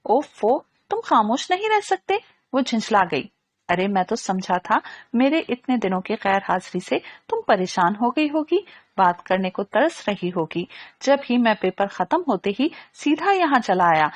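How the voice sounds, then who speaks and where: A woman's voice: a little high, no echo. A woman narrating an audio novel and reading all the dialogue in her own voice.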